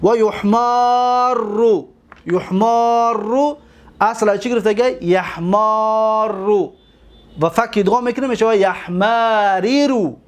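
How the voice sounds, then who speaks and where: A man teaches a grammar lesson. He runs through long memorized lists in a steady, sing-song rhythm and breaks off to explain each rule in a plain teaching voice. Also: very high-pitched. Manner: recites rapid memorized verb lists in a steady drone, pausing to explain. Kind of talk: recorded lesson recitation.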